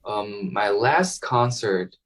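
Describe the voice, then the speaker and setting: Young man, lowish voice, hesitant, fillers, mic at a distance. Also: lively intonation, slow pace, a bit bright. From Taiwan. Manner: hesitant, many fillers and restarts. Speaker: guest violinist. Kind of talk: casual interview answers. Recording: voice heard from a distance.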